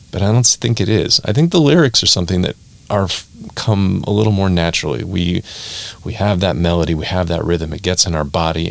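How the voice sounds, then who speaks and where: Male podcast guest, deep-pitched, casual explanatory talk with emphatic repeats. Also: gravelly. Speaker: podcast guest, language educator and songwriter.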